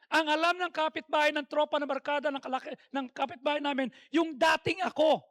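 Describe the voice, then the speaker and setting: A man's voice: very high voice, fairly even intonation, brisk, fairly bright tone, dry recording, studio quality. A man with a Filipino accent preaching a sermon as pastor, mixing English into his talk and acting out the voices in his stories, pressing harder on key points. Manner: switches between Tagalog and English, acts out quoted dialogue; emphatic, rising in force on key points. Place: church.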